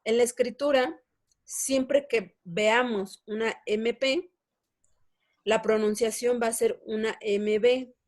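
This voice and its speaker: A woman's voice: on the high side, fairly even intonation, slow. A young woman teaching a language lesson, explaining step by step and checking in with her students. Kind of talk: online lesson.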